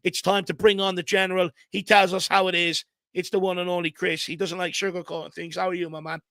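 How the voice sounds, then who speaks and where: A man's voice: high voice, level tone, quick pace, pushed and bright, no room sound. A man hosting a casual football live stream. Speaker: host.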